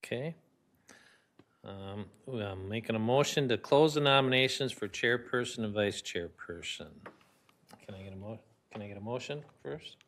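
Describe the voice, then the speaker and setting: A man's voice: fairly low pitch, fairly bright tone. Man chairing a city meeting. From Minnesota. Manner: plain, procedural, slightly halting. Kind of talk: formal meeting procedure. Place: city council chamber.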